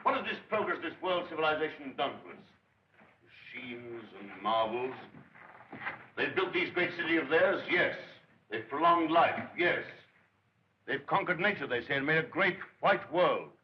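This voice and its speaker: A man's voice: on the high side, expressive, moderate pace, slight background noise, natural voice. An actor playing a middle-aged male master craftsman who rails against progress in impassioned, declamatory speeches, in 1930s film acting. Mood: scornful. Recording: dull lo-fi 1930s film soundtrack.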